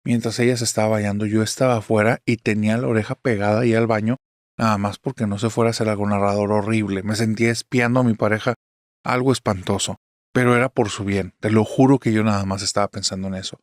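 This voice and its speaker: A man's voice: on the low side, steady tone, quick pace, no room sound, studio quality, natural voice. A man voicing a distraught young husband who pleads as he recounts his ordeal in a horror story. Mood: anguished. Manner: pleading, anguished confession.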